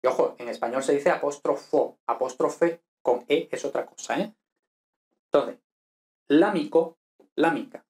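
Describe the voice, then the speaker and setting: A man's voice: mid-range voice, normal speed, a little mellow. A man teaching an online grammar lesson, explaining step by step and often checking with tag questions and fillers. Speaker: language teacher.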